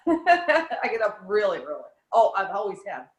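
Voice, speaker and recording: A woman's voice: mid-range voice, big pitch swings, unhurried. A woman, a yoga and fitness instructor, eagerly giving wellness advice in a casual interview. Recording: roomy echo.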